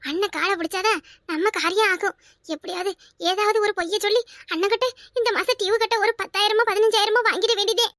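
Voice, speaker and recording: A woman's voice: extremely high pitch, steady tone, fast talker, fairly bright tone, no echo, clean studio sound. A woman voicing a panicky young cartoon wife who frets aloud over her debts in a wailing monologue. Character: debt-ridden young wife, panicky and scheming. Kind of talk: cartoon voice acting.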